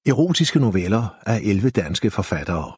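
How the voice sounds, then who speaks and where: Guy reading an audiobook, really deep husky voice, dry close mic. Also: sing-song, a little mellow, dry recording. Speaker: audiobook narrator. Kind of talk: scripted narration. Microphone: close studio mic.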